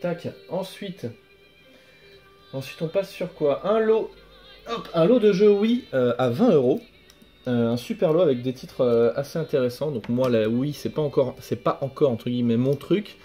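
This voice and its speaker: Relaxed young man chatting over soft music. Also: medium pitch, moderate pace, husky. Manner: relaxed, hesitant, many fillers and self-corrections. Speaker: video game collector vlogger. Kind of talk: casual show-and-tell vlog. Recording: faint background music.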